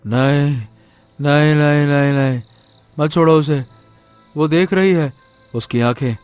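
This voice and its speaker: A man's voice: on the high side, unhurried, darkish tone, smooth, no room sound, soft background music, natural voice. A man playing a terrified sleep-talking villager. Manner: panicked, repeating warnings.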